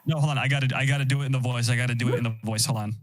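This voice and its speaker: A man's voice: medium pitch, fairly even intonation, racing, a little hiss or hum. A man chatting as a livestream guest, enthusiastic and often restarting his sentences. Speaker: guest, host's boyfriend. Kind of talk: casual chat.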